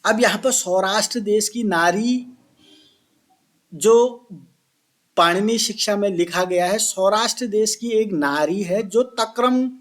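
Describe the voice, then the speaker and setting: Male teacher, high-pitched, unhurried, quizzes the class and answers himself; chants verse lines slowly. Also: fairly bright tone, no echo. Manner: addresses listeners as children, asks and answers own questions. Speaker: Sanskrit teacher. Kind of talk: classroom explanation video.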